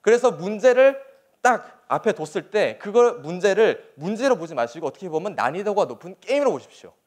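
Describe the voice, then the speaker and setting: A young man, a soldier, giving a motivational speech to an audience in an earnest, emphatic manner with rhetorical questions. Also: sits high. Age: young adult.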